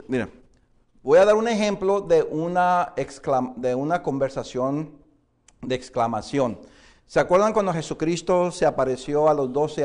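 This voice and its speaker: Man teaching a Bible class, slightly high. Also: darkish tone. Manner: explains with many questions to the class and "hermanos"; hesitant, frequent "eh" fillers and restarts. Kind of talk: classroom lecture.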